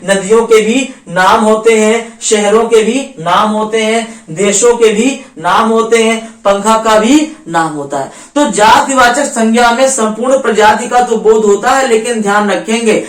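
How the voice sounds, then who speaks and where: A man's voice: high-pitched, measured pace, few pauses, recorded from a distance. A male teacher talks through a grammar lesson for exam students. He repeats each rule and answers his own questions. His voice rings around an echoey room and sits some way off the mic.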